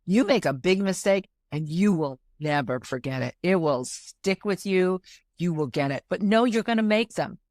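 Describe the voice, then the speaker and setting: An older woman speaks as an interview guest, with a somewhat low voice. She tells stories emphatically and voices the people in them. The recording is dry and close. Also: moderate pace, no echo. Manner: emphatic, animated storytelling with quoted dialogue. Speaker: interview guest, arts executive. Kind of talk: conversational interview.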